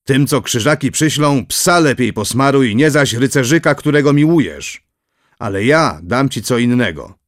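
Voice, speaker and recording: A man reading aloud, voicing an older kindly prince who speaks in a slow, measured, fatherly way. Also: mid-range voice, animated, no room sound, clean studio sound, lightly acted. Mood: benevolent.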